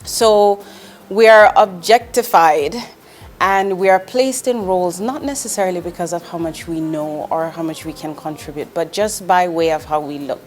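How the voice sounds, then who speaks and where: A little hiss or hum sits under this fairly low voice moving at a moderate pace. The speaker is a Jamaican investment executive in her forties, answering an interview candidly and directly, earnest, with ums and restarts.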